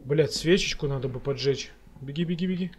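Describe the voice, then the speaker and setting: A man's voice: on the high side, fairly quick, a little hiss or hum. A man giving casual commentary on a horror game playthrough as a scared, jumpy streamer who mutters and swears as he reacts.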